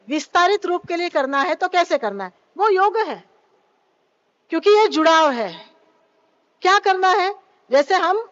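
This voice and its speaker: A woman with an extremely high, slightly bright voice speaks into a microphone at a live yoga event, delivering a spiritual talk. She keeps putting questions to the audience and slips in English phrases. The recording is dry and muffled.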